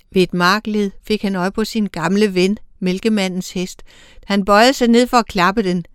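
A woman narrating a storybook tale in a measured, expressive way. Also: mid-range voice, smooth, dry recording, studio quality. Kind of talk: storybook reading.

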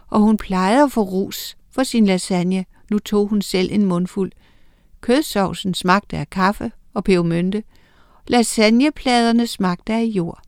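A woman reading a children's story aloud in a steady, expressive way. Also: medium pitch, clean tone, no room sound, clean studio sound. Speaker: narrator.

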